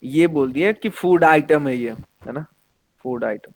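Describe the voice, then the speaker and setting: A man leads an online science lesson in a fairly high voice. He talks in a lively way and keeps asking the students questions. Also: unhurried. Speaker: teacher.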